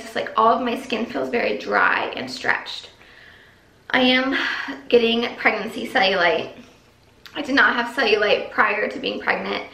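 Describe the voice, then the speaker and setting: A woman's voice: fairly high pitch, vocal fry, pushed and bright. Breathless chatty pregnant woman, echoey room. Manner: chatty, rambling, many likes. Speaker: vlogger. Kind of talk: casual pregnancy update vlog. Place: empty nursery room at home, echoey.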